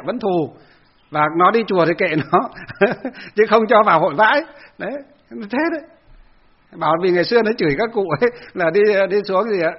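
High, husky-voiced monk telling a story. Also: male voice. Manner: lively storyteller who acts out others' voices. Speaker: Buddhist monk. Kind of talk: storytelling dharma talk. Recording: dull lo-fi recording.

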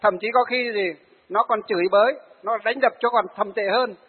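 A Buddhist monk, giving a sermon to lay followers and telling stories of them in a lively way. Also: male voice, high voice, normal speed, breathy edge. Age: 40s. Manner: storytelling, acts out the people he tells of. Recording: phone-like, hall reverb.

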